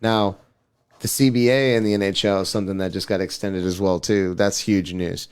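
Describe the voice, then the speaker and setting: Low smooth-voiced man chatting sports. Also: fairly even intonation, moderate pace, a little mellow. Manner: rambling, hedging, many restarts. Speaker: podcast co-host. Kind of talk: casual sports chat.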